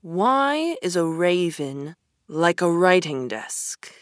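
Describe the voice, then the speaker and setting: A woman as the slow, pedantic Mad Hatter. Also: on the low side, sing-song, no room sound, studio quality. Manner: pedantic, nonsensical. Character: eccentric, pedantic, riddling mad male hatter. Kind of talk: storybook character reading.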